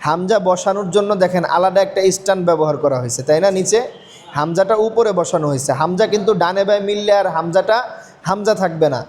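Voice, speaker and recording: A man teaching Quran reading step by step, asking questions and answering them himself, slowing down to spell out letters. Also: high voice, a little mellow. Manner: slows down to spell out and recite letters. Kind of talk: step-by-step recitation lesson.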